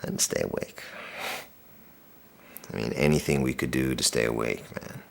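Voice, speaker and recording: An actor playing a soldier with a dark sense of humor, bitter and profane. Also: male voice, very deep voice, normal speed, gravelly. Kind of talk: dramatic monologue.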